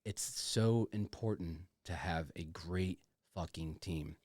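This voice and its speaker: Effusive low-voiced man co-hosting a podcast. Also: takes it slowly, a little mellow, husky, dry recording, clean studio sound. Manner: effusive, repetitive, informal with swearing. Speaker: podcast co-host. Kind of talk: casual podcast chat.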